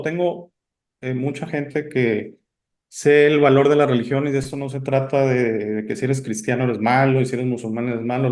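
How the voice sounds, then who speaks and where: The host of a laid-back interview is a man originally from Italy whose talk meanders, packed with fillers and restarted sentences. His voice is mid-range and a touch mellow.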